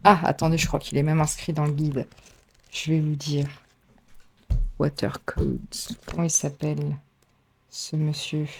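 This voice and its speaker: A woman reads tarot cards for her audience in casual, unscripted style chat. She is talkative and warm in a homemade way, filling pauses with little fillers and light self-mockery. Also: deep voice, gravelly, slight background noise. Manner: chatty, laughs at herself, many fillers. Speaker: tarot reader. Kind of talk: casual tarot reading to camera.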